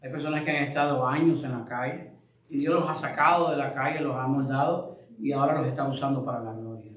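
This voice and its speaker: A man's voice: medium pitch, a little fast. A man leading a church Bible study, speaking reflectively and asking the group questions. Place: church room. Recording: echoey room, voice from far off.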